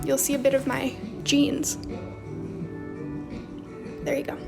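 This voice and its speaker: Taking her time, a young woman with a slight Romanian accent hosts a casual journaling livestream, reading viewer comments and replying chattily. Her high voice is gravelly and fairly flat in pitch. Soft music plays quietly in the background.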